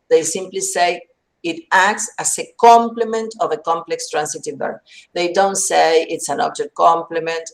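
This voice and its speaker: A woman teaching a university grammar class online. She explains methodically, works through examples and checks that students understand. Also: on the low side. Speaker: grammar lecturer. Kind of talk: university lecture.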